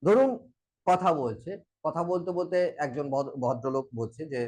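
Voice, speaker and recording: Man, Bengali accent, coaching lesson, acts out sample dialogues, somewhat high pitch. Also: lively intonation, moderate pace, a little mellow, poor audio. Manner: explains with acted example dialogues. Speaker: mental wellness coach.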